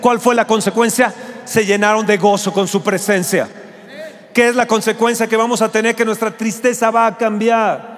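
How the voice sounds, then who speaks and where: Fervent high-voiced preacher in a reverberant hall. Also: male voice, level tone, moderate pace. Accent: Mexican Spanish. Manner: fervent preaching, often shouting. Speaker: pastor. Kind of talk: sermon. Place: church auditorium.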